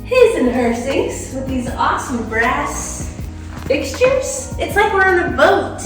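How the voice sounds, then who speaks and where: Excited woman in a booming echoey bathroom. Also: slow pace. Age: 40s. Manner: excited, chatty, gushing over details. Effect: loud echo of a big tiled bathroom. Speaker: vlogger touring a hotel room. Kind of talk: casual vlog room tour. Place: large hotel bathroom, indoors. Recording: echoey room, mic at a distance, music under it.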